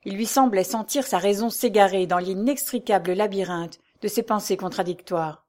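A woman narrating a classic novel aloud in a measured, even storytelling manner. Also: mid-range voice.

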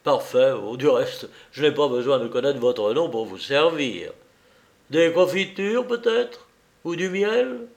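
Man voicing a gallant, teasing gentleman thief in a slow audiobook read. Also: a little high, expressive, gravelly. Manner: gallant, playful. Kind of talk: audiobook reading.

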